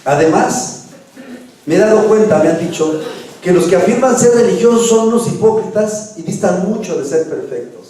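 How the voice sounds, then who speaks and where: A man with a Mexican Spanish accent delivers a sermon in a church hall, his high voice warm and expressive at normal speed. The recording is very echoey and he sounds distant; his style is conversational, with repeated words and questions asked of the audience.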